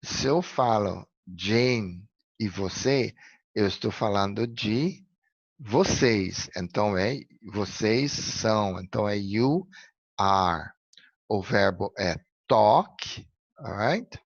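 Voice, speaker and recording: Slow, gravelly Brazilian teacher. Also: male voice, lowish voice, lively intonation, no room sound, highs cut off. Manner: patient, step-by-step explaining, frequent "ok?" checks. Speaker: English teacher. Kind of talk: recorded classroom lesson.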